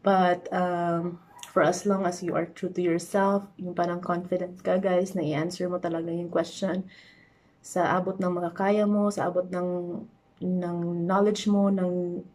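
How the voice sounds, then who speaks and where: A woman's voice: fairly low pitch, level tone, normal speed, a little mellow. A young Filipino woman with a Filipino accent, chatting casually to her viewers with lots of fillers. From Philippines. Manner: chatty, mixes English and Tagalog, many fillers. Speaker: vlogger. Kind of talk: casual chat.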